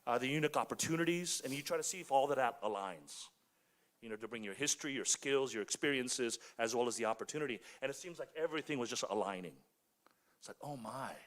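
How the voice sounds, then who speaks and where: A man's voice: mid-range voice, quick pace, a bit bright. A man on a conference panel reflecting on his own story, listing things in short phrases. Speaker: panel guest.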